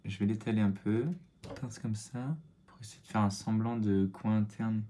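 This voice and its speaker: A young man talks through a makeup tutorial at home in a casual, self-mocking way. His voice sits a little low, and he keeps muttering and sighing under his breath about how it's turning out. A faint hiss sits behind him. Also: steady tone, moderate pace, dark tone. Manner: self-mocking, mutters and sighs at own mistakes. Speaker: makeup vlogger.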